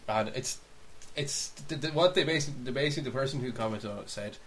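Here another male podcast co-host talks fast in a medium-pitched, fairly bright voice over a little hiss or hum. He rambles and backtracks through casual, opinionated talk about films and games, swearing mildly now and then.

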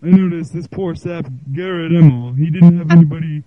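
A man's voice: a little high, fairly quick, narrow, tinny audio. A man speaking as the boastful frontman guest in a comic mock interview.

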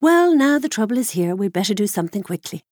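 A woman voicing a wise talking mare who gives quick, urgent advice. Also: mid-range voice, big pitch swings, darkish tone, dry recording, studio quality, natural voice. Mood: urging.

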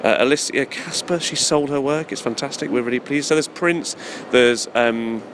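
A British-accented man, a festival organiser appearing as an interview guest, chats casually and enthusiastically in a rambling way. His voice is medium-pitched at a moderate pace. The interview takes place in a busy exhibition space in the city centre, with crowds and urban noise all around.

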